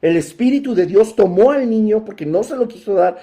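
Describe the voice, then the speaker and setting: Mellow-voiced man preaching a Bible lesson. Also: high-pitched, lively intonation, a little fast. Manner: emphatic, asks listeners to imagine scenes. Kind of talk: Bible teaching sermon.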